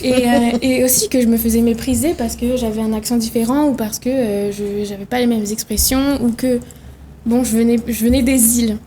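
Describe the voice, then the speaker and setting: In a TV studio, a young woman from Réunion, a musician, answers interview questions thoughtfully, with fillers and restarts. Her voice is fairly high, steady, warm, and brisk, with a little hiss or hum in the recording.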